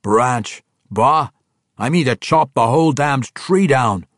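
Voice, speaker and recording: A gruff, boastful dwarf warlord voiced by a man barks out his plans in blunt, rough common speech, pitched well above the reader's own low tone and pushed louder. The reading is dry and close. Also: lively intonation, takes it slowly, dry recording, full character voice. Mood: defiant.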